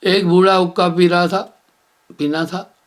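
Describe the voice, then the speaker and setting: A man giving a sermon as a spiritual teacher, telling moral stories in an unhurried way and chanting verses slowly. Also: sits high, level tone, slight background noise. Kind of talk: sermon with storytelling.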